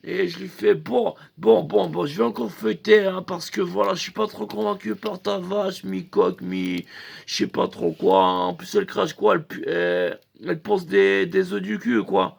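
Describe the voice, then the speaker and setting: Need a male comic storyteller: gravelly and husky, higher-pitched, rambling and crude. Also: big pitch swings, normal speed. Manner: rambling, crude, full of fillers and slang insults. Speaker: comedian.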